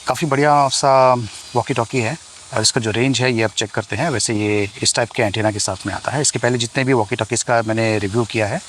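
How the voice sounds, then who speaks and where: An Indian-accented tech reviewer and vlogger does a hands-on product review outdoors near residential buildings, with noisy ambience around him. His medium-pitched voice is a bit bright. He explains conversationally, mixing Hindi and English.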